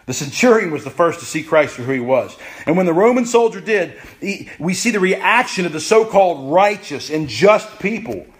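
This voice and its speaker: Guy preaching, kinda high voice, punchy, repeats himself, speeds up then drags. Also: expressive. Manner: emphatic, repeats phrases, pace swings from rushed to slow. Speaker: pastor. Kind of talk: sermon.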